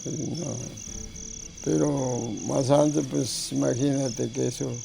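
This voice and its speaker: An older man with a northern Peruvian accent and a gravelly voice tells stories informally, rambling and repeating his phrases. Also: medium pitch, fairly even intonation, slow, dark tone, soft background music. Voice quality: gravelly, creaky aged voice. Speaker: grandfather recounting local oral history. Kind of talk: informal oral storytelling.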